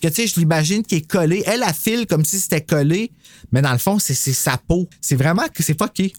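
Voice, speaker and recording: A man with a Québécois accent hosting a podcast in casual, rambling, animated chat. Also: fairly high pitch, brisk, dry recording, clean studio sound. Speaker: podcast host.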